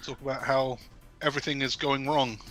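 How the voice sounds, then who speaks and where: A man co-hosting a wrestling podcast, chatting casually and laughing often in a relaxed, bantering way. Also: medium pitch, brisk, music in the background. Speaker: podcast co-host. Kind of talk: casual chat reviewing wrestling results.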